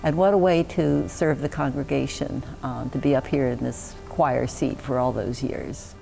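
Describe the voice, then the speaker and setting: A woman's voice: very deep voice, moderate pace, gravelly, warm tone, faint music behind, poor audio. A woman in her fifties, a longtime church choir member, speaking reflectively in an interview inside a church.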